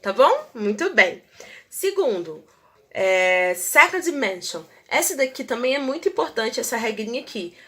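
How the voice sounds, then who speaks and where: A woman's voice: on the high side, sing-song, fairly bright tone. A woman whose first language is Portuguese, teaching English grammar and checking in with her students as she explains. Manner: slow, repeats English words for pronunciation; checks in with tag questions to students.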